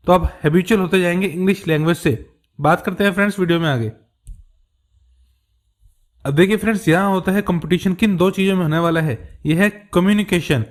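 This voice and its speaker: A man explaining interview tips as a tutor, steadily addressing viewers as friends. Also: sits high. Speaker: English tutor. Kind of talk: explanatory lesson for learners.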